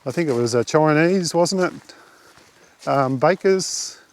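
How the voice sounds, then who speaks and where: Australian man, relaxed rambling commentary, outdoors on a bush trail, handheld camera mic, animal sounds behind. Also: on the high side, slow pace. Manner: relaxed, rambling, many fillers. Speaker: camping vlogger. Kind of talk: casual walking commentary. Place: outdoors on a bush hiking track.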